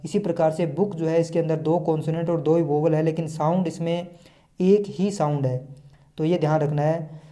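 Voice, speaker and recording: Mellow-voiced man teaching a lesson. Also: fairly high pitch, steady tone, normal speed. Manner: patient, repetitive explaining with frequent fillers. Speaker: English teacher. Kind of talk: explanatory video lesson.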